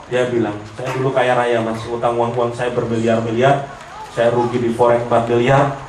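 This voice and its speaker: A preacher with a Javanese accent gives a humorous sermon, telling stories and voicing the characters in them while slipping into Javanese, and the audience laughs. His voice is medium-pitched. The recording, from a distance in an echoey lecture hall, has slight background noise.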